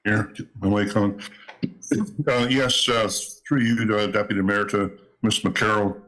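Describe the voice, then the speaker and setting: A man's voice: on the low side, fairly even intonation, measured pace, a bit bright. A councillor, a man, joins a meeting remotely and asks formal questions through the chair while his call audio breaks up and glitches. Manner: formal, addresses the chair before asking. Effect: choppy, glitchy video-call audio that breaks up. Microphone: remote video call. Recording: broken-up video call audio from a distance.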